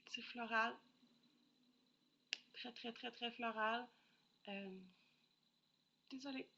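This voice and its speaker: A woman's voice: fairly high pitch, steady tone, extremely slow, gravelly, pushed and bright, highs cut off, a little hiss or hum. A woman with a Québécois French accent chatting casually as she reviews perfume samples, thinking aloud and apologizing often, with a head cold. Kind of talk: casual solo review chat.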